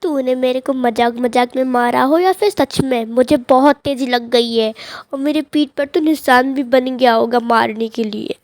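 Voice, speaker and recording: Brief: woman doing a sulky, threatening boy, high-voiced, in a game roleplay voiceover. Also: normal speed, darkish tone, no echo, lightly acted. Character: hurt angry boy refusing his friend.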